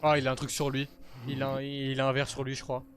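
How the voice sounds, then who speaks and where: A male streamer giving excitable, slangy gaming commentary to his viewers, swearing now and then. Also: mid-range voice, quick pace, a little hiss or hum.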